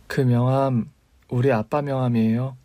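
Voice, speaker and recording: A man voicing a grieving young wife in a story radio drama, speaking gently and quietly. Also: mid-range voice, flat delivery, moderate pace, no room sound, natural voice. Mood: bitter.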